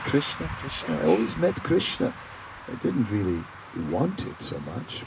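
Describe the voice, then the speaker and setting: Gravelly man telling a story, noisy recording. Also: medium pitch. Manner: animated storyteller, laughs often, hesitant fillers. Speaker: speaker telling his life story. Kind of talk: anecdotal storytelling to an audience. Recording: noisy live talk recording.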